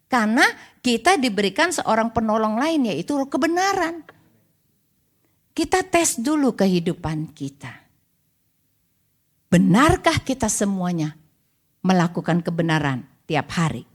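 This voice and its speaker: A woman's voice: on the high side, big pitch swings, unhurried, long pauses. An older woman evangelist preaching a sermon, asking the congregation rhetorical questions. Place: church service.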